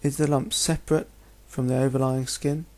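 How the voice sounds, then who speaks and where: A man's voice: medium pitch, little pitch movement, normal speed, dark tone. A man giving a narrated lecture in a methodical, instructional manner, often posing questions as he explains. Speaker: medical lecturer. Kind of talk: narrated lecture over slides.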